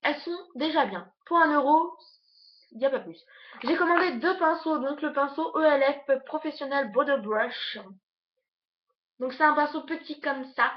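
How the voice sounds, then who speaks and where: A young woman, a beauty vlogger, rushing through a casual makeup haul on her bed at home, chatting with lots of fillers. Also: high-pitched, muffled recording. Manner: hurried, chatty, many fillers. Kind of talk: casual product review.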